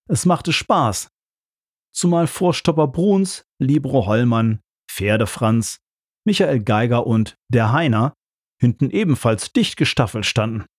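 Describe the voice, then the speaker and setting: A man's voice: medium pitch, darkish tone, no echo. A man narrating an audiobook with dry, ironic storytelling.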